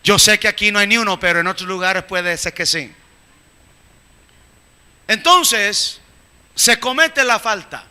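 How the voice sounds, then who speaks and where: A man preaching a sermon with emphatic delivery, rising to shouts at the peaks. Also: high voice, lively intonation, unhurried, pauses often, clean tone. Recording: echoey hall.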